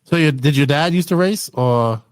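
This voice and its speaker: A man hosting a casual podcast in a somewhat high voice. He jumps in with quick, chatty follow-ups. The sound is close and dry. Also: no echo. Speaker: podcast host.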